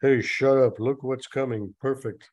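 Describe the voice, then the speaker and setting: A man's voice: mid-range voice, fairly even intonation, fairly quick, darkish tone, no echo, natural voice. A man reading aloud as a cocky teenage bully goading his friend, in a taunting voice. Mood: bossy.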